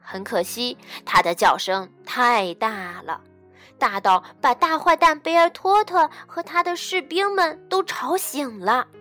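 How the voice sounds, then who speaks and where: A woman narrating a children's story with an expressive, lively storybook delivery. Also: on the high side.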